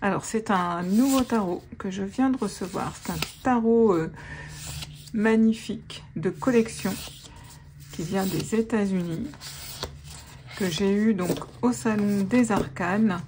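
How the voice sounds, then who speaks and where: A woman's voice: medium pitch, measured pace, a little mellow, slight background noise. A woman giving a casual tarot guidance, chatty, with many fillers and restarts. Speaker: tarot reader.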